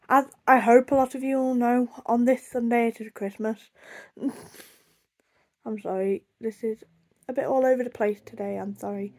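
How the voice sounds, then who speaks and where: A young British woman from the United Kingdom, a video blogger, speaks in a slightly high voice with a darkish tone. She rambles casually through a storytime vlog, chatty and self-deprecating, and gets sidetracked easily.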